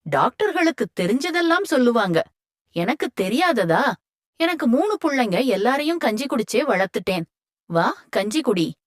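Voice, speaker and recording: A woman's voice: on the high side, sing-song, normal speed, dry recording, studio quality. A woman voicing a stingy older village mother-in-law who scolds and speaks sternly. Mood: dismissive.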